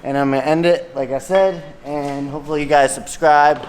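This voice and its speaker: A man's voice: a little high, steady tone, moderate pace. A young man casually walking viewers through a car repair in his garage, talking loosely with slang. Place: home garage with a car lift. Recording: echoey garage, faint noise.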